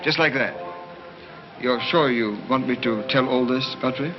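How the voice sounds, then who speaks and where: A man's voice: mid-range voice, normal speed, highs cut off, lightly acted. An actor playing a breezy, bemused society man in 1930s screwball comedy banter. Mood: bluffing, stammering. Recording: band-limited 1930s film soundtrack with music.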